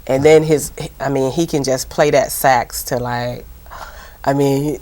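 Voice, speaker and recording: A woman's voice: extremely low pitch, steady tone, measured pace, mellow, slight background noise. A woman with a Southern US accent, a TV host and producer, chatting as a guest in an interview, rambling along with plenty of fillers. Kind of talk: casual interview chat.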